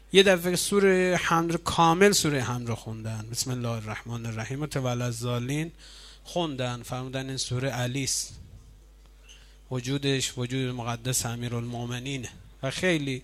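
A man preaching in a mosque as he leads a Quran session, explaining religious traditions and building up to raised, emphatic points. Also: mid-range voice. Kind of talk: sermon.

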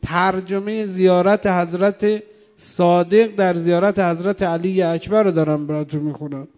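A man's voice: high voice, steady tone. A man preaching a mourning sermon, telling the story with impassioned, swelling delivery in a reverberant hall. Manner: impassioned, swelling to loud drawn-out chanting.

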